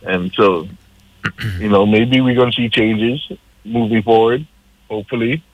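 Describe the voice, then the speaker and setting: Speaking a little slowly at a fairly low pitch, a man from Hawaii who is running for council chats as a radio guest, earnest and persuasive with a civic-minded bent. The dry recording sounds slightly dull and lo-fi.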